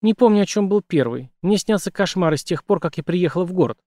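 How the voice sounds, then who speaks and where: A man voicing a young woman doctor shaken by nightmares, his pitch raised and tense. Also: expressive, quick pace, mellow, no room sound, studio quality. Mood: weary.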